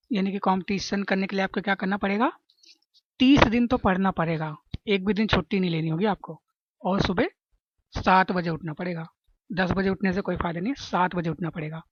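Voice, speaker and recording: A woman walks listeners through exam questions, building little memory tricks and checking in with them as she goes. Her voice sits at a middle pitch. The recording is dry and slightly muffled, as from a small room. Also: breathy edge, no room sound. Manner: chatty, keeps asking "है ना?" to check understanding. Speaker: exam-prep teacher.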